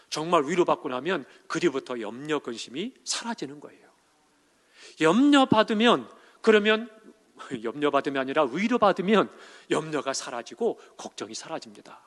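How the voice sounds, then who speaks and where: A middle-aged man preaching from the pulpit with a lively, sweeping voice that leaps from loud emphasis to near-whispered tenderness. His voice sits a little high for a man. A long reverb carries it through the church sanctuary. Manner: emotive preaching that swings from loud emphasis to soft hushed asides. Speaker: senior pastor. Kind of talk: sermon.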